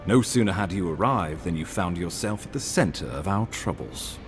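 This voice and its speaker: An actor playing an earnest, courteous imperial ambassador in a video game, speaking in a formal, eloquent and measured manner. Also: male voice, low-pitched, expressive, faint music behind. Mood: grave. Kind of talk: dramatic video game dialogue.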